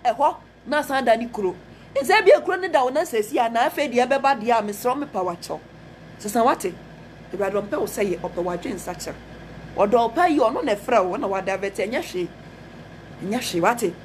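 A woman's voice: high-pitched, a little hiss or hum. A woman with a Ghanaian accent preaching a fervent message, repeating phrases and mixing Twi with English. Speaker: prophetess.

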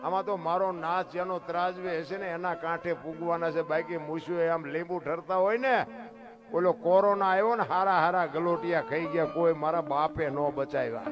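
A man tells devotional folk tales from a stage, his voice sitting high. He talks in a folksy, emphatic way and throws rhetorical questions at the crowd. Plucked string music plays clearly behind him. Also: fairly even intonation, normal speed. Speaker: folk storyteller. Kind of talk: devotional folk storytelling talk.

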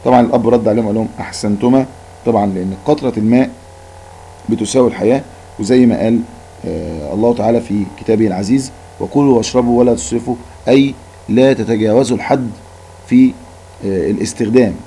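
A man's voice: on the low side, racing, pauses often, dark tone, a little hiss or hum, rough recording. A male Arabic teacher with an Egyptian Arabic accent giving a recorded lesson, patiently repeating words to drill them.

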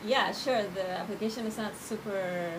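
A woman in her thirties, born in Cuba and raised in the United States, answering interview questions in a relaxed, thoughtful way. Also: medium pitch, normal speed, crowd noise, rough recording. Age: 30s. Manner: relaxed, thoughtful, with small laughs and fillers. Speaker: interview guest. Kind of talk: casual interview. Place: outdoor porch in a tropical garden.

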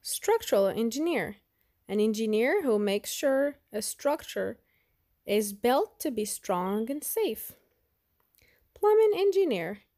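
With a slightly high voice, a woman performs a children's picture book, taking an expressive, unhurried storyteller's approach.

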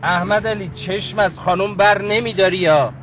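A domineering employer, commanding and threatening. His voice sits high, and faint traffic hums in the outdoor background. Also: a bit bright. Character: bossy man ordering his bodyguard.

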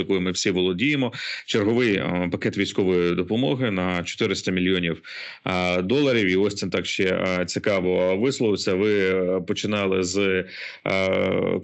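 Male host, somewhat low voice, formal and courteous when questioning a guest. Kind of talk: interview questions.

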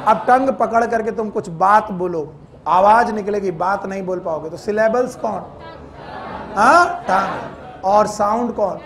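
A man's voice: high voice, measured pace, a crowd in the background, noisy background. A man teaching biology to a class, quizzing students, scolding them and joking, with English terms mixed into his talk. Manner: mixes English terms into Hindi. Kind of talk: classroom lecture.

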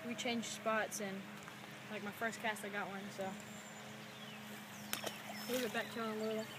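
A woman's voice: mid-range voice, level tone, moderate pace, heavy background noise. A woman talking casually in a fishing vlog outdoors by a pond, joking and laid-back.

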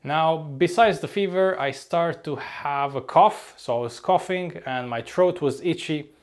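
Indoors in his apartment, the young flight attendant vlogger talks to camera through a lapel mic, his slightly hoarse voice on the high side and a little slow. Chatty and upbeat, he keeps addressing "ladies and gents."

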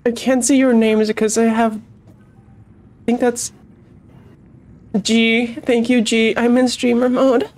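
Woman streamer, morning-rough phlegmy voice, blunt and profane, slightly high pitch. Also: little pitch movement, unhurried, pauses often, darkish tone. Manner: swears a lot, blunt and chatty. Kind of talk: casual gaming stream chat.

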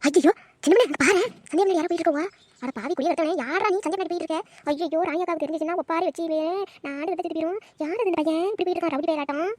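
A woman voicing a nosy older neighborhood aunty in a cartoon, gossiping fast and scolding with curses. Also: extremely high pitch, a little hiss or hum. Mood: gossipy. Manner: gossipy, loud scolding and cursing. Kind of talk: cartoon voice acting.

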